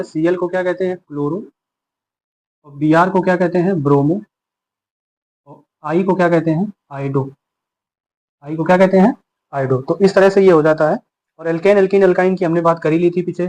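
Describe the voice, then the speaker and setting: A man's voice: sits high, steady tone, moderate pace, pauses often, darkish tone, low-quality recording. A man teaching a chemistry lesson. He explains patiently, asking questions and answering them himself. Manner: patient, asks and answers his own questions.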